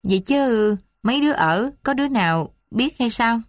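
A woman's voice: on the high side, expressive, normal speed, no echo, clean studio sound, pitched above the performer's own voice, natural voice. A woman voicing a young daughter, tearful and pleading. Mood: ashamed. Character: young daughter, ashamed and sobbing.

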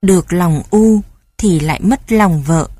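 A woman narrating a story in a measured, even storytelling manner. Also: on the low side, dry recording.

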